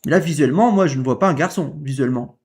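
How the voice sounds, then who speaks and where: A man's voice: fairly high pitch, fast talker, darkish tone. A man reacting to a clip in casual commentary, indignant and repetitive, firing rhetorical questions. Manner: indignant, repeats himself, fires rhetorical questions.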